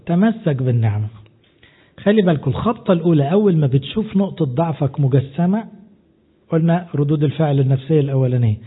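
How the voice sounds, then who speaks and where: Husky Egyptian preacher on a tinny line. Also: male voice, a little high. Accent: Egyptian Arabic. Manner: conversational teaching with rhetorical questions and lists. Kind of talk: sermon. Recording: tinny phone-like sound.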